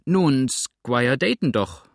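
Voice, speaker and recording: A man's voice: fairly low pitch, moderate pace, no echo, studio quality. A man voicing a cocky male criminal who stammers when caught off guard and then turns brusque and impatient. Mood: evasive.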